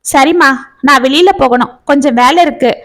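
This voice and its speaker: A woman voicing a young adult daughter speaking in a brisk, offhand way. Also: high-pitched, a bit bright. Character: young adult daughter, matter-of-fact, busy.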